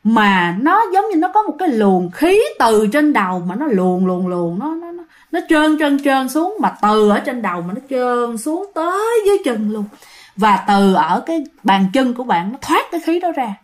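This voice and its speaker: A young woman with a Southern Vietnamese accent casually tells a ghost story to listeners in a chatty, loose way. Her slightly high voice has a sing-song quality, and she uses many fillers and repeats words to build suspense.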